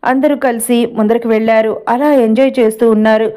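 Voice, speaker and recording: Woman telling a story, higher voice. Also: steady tone, a little fast, mellow. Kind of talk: read-aloud story narration.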